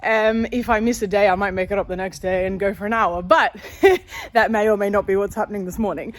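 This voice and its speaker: A woman's voice: medium pitch, a little fast, no echo. A woman vlogs casually, chatty and candid, with a slight lisp from wearing a dental retainer. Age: 30s. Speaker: vlogger. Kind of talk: casual chat to viewers.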